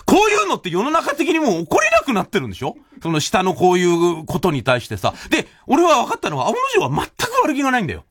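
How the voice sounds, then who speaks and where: A man's voice: high voice, a bit bright, breathy edge. A man in his forties, a storyteller hosting a listener show, ranting with laughing mock indignation in casual chat. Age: 40s.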